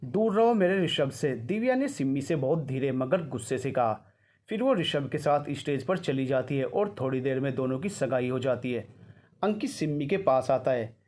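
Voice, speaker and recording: A man narrating a scripted story in an even, expository manner. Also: mid-range voice, moderate pace.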